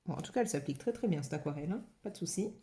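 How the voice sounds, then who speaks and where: A French woman talks through a watercolour demo in a relaxed, chatty way. She thinks aloud and uses a lot of fillers. Her voice sits low and sounds mellow and soft. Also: very fast. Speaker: watercolour channel host. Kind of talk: casual art demo narration.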